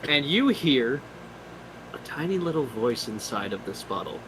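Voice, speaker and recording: Animated man running a tabletop game. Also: mid-range voice, unhurried, noisy background. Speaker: game master. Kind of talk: narrating a tabletop role-playing game.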